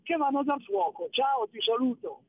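High raspy man ranting over the phone. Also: animated, moderate pace. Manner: indignant, lecturing. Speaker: caller. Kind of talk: call-in radio rant. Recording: narrow phone-line audio.

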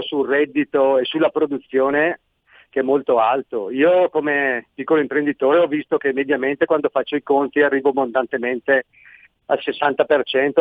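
A man's voice: medium pitch, no room sound. A middle-aged man calling in to a radio show over a phone line, earnestly pressing his point. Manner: earnest, insistent argument. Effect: phone-line call into a radio show. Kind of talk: call-in comment on taxes. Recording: tinny phone line, dry.

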